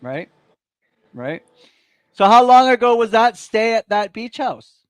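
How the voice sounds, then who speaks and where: A man's voice: very high voice, big pitch swings, takes it slowly, dry recording, faint music behind. A man hosting a casual talk show, encouraging his guest and often repeating short phrases. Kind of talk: casual chat, interviewing.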